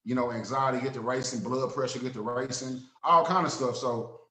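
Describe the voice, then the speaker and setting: A man's voice: mid-range voice, fairly even intonation, a little fast, pushed and bright, echoey room, rough recording. A man in his thirties from Dallas, Texas, with a Dallas accent, guesting as an author and talking in an earnest, streetwise, repetitive way. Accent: Southern US, Dallas. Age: 30s. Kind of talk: casual interview talk. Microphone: video call.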